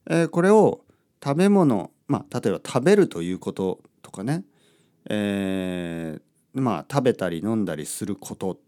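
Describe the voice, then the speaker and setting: Talking about Japanese in a relaxed, meandering way, a middle-aged podcast host keeps interrupting himself. His lowish voice has a sing-song, mellow quality and an unhurried pace.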